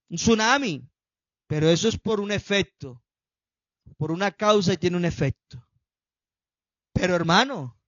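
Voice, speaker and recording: A man preaching a sermon as pastor, swinging from loud shouted peaks to hushed asides. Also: sits high, no echo, dull audio. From Colombia.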